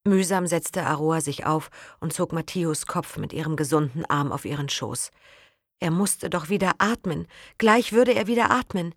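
A woman reading a dramatic novel aloud in measured narration that softens in the tense passages. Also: deep voice, husky, dry recording, clean studio sound. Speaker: audiobook narrator.

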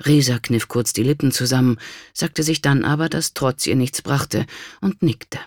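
A narrator reading a historical novel in an even, measured storytelling manner. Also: medium pitch, dry recording, studio quality. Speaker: audiobook narrator. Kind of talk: scripted narration.

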